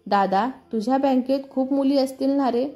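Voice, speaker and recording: A woman's voice: high-pitched, normal speed, dark tone. Woman voicing a cheeky teasing little sister. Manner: playful teasing.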